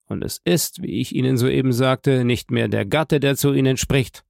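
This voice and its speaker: A man's voice: mid-range voice, normal speed, creaky, no echo, studio quality. Man playing a cold stern prosecutor. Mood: accusing. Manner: cold, sharp, commanding.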